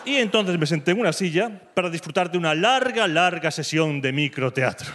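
Fast, lively Spanish comedian. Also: male voice, on the high side, very noisy. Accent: Spain Spanish. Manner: provocative dark humor, swinging from mock-calm to loud. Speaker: stand-up comedian. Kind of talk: stand-up comedy.

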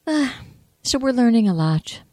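Slow, mellow-voiced woman giving spiritual encouragement. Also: fairly high pitch, sing-song, no echo. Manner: earnest, measured and heartfelt. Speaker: host. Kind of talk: spiritual inspirational talk.

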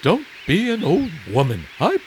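A man's voice: sits high, huge pitch swings, unhurried, very noisy, exaggerated voice. A man voicing a proud, prickly talking owl in an audio drama, haughty and scornful. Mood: brisk, dismissive. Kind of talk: dramatic audio fiction acting. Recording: clear birdsong and outdoor ambience behind. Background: birdsong, outdoor ambience.

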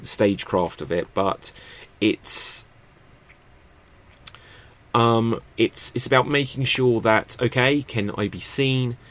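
A man hosting a podcast, explaining improv stagecraft in a chatty, off-the-cuff way. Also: fairly low pitch. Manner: chatty, thinks aloud with fillers and restarts. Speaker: podcast host teaching improv. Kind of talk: unscripted instructional talk. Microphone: podcast microphone.

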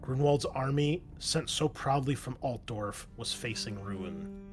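A man acting as game master, describing the scene and reading battle narration aloud at a measured, steady pace. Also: medium pitch. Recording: music playing underneath.

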